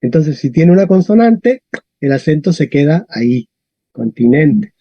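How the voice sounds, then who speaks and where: A man teaching a classroom lesson, talking in a lively way and often adding tag questions. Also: a little high, moderate pace, no echo. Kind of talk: classroom lesson on Latin stress. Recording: dull, dry lo-fi sound.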